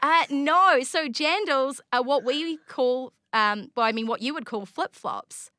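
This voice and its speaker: A woman's voice: high-pitched, unhurried, pushed and bright, no echo, studio quality. A woman with a New Zealand accent hosting a radio interview, bubbly and playful, giggling often. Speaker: radio host. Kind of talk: casual interview chat.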